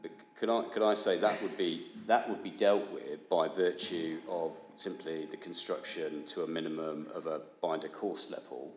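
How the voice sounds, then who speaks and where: A man with a very deep voice makes practical points at an inquiry, plain-spoken and direct. The room has noticeable echo and a faint hum of noise. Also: fairly even intonation, normal speed, hardly any pauses. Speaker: council representative. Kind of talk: formal public inquiry discussion.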